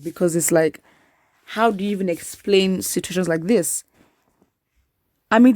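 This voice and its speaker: A woman hosts opinionated news commentary, reading viewer comments aloud and sounding exasperated, with emphatic repetition and rhetorical questions. Her mid-range voice is a little mellow. The studio-quality recording has no room sound.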